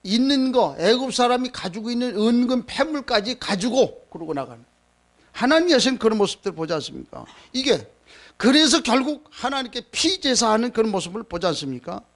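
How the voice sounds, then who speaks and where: Guy pastor with a high voice, chatty sermon, acts out the quotes. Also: fairly quick. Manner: animated storytelling, acting out quoted lines.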